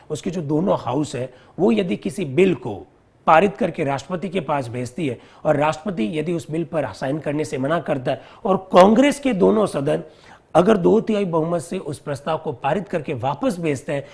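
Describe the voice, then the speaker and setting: A man teaching a live online civics class, walking through each point step by step and putting questions to his viewers. His voice sits a bit high for a man and has a gravelly, husky edge. He keeps circling back to the key terms. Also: normal speed, darkish tone.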